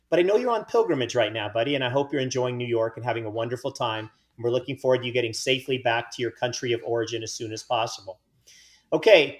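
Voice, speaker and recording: A man hosting a podcast in a loose, chatty way, full of teasing and self-mockery. His voice sits a little higher than most men's. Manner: joking, self-mocking banter. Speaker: podcast host. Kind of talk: casual podcast chat.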